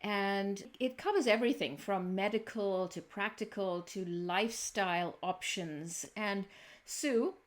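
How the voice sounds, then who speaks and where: A woman's voice: mid-range voice, measured pace. A woman hosting a podcast, chatting in an upbeat way and promoting a book. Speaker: podcast host.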